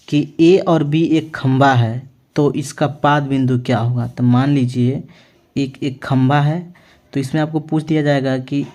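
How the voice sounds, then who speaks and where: A male maths teacher explaining a lesson to students, asking them questions and answering them himself, often checking in with "okay" as he writes out words slowly. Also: fairly high pitch, a little mellow. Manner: ends phrases with a reassuring check-in. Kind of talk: classroom-style lesson.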